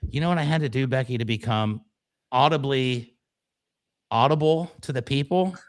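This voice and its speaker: A male co-host chats casually in a mid-pitched voice. He spins stories with self-deprecating, mock-dramatic delivery, in radio-show banter style. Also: normal speed.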